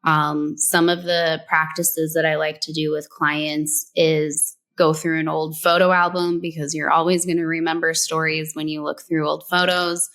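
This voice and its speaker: A brand story strategist from New Mexico, USA, appears as an interview guest, chatting casually and offering advice in a low voice at a moderate pace with hardly any pauses. She sounds relaxed and conversational, filling her speech with lots of "like"s and "um"s.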